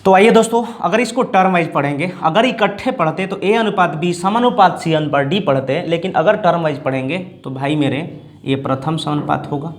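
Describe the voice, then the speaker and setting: A male math teacher giving a board lesson, repeating each term slowly and checking in with his students. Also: a little high. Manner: repeats terms slowly, checks in with "ठीक ना" and "दोस्तों".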